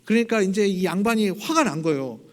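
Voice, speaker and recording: A man's voice: high-pitched, animated, fairly quick. A male pastor giving a sermon in a conversational storytelling manner, joking with the congregation and acting out scenes. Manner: conversational storytelling, acts out voices. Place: church sanctuary.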